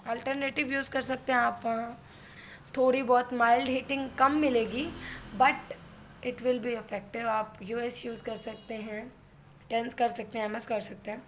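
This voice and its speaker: With a fairly high, level voice, an Indian-accented woman teaches physiotherapy unhurriedly, working through each step and answering the questions she poses. Her explanatory lecture mixes Hindi and English, and faint background noise can be heard.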